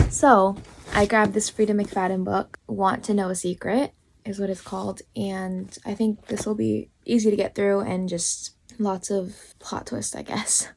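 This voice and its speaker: A woman's voice: medium pitch, creaky, darkish tone, slight background noise. A young woman casually vlogging about books, tired and chatty, with lots of filler words. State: tired, yawning. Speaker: book vlogger. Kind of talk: casual vlog to camera.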